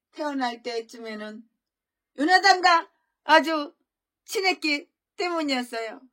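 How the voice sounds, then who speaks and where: A woman pastor preaching an expository sermon, often repeating and restarting words, swinging between loud emphatic peaks and quiet asides. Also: sits high.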